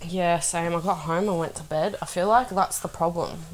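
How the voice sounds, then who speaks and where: A woman's voice: on the low side, fairly even intonation, moderate pace, low-quality recording. Young woman in casual chat. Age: 20s. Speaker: podcast co-host.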